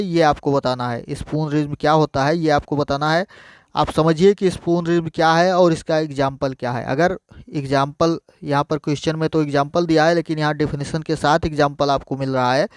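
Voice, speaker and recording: Male teacher, fairly high, crisp tone, dry close mic, repetitive explainer for exam prep. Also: no echo. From India. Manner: explains each point by repeating it in Hindi, addresses viewers as friends.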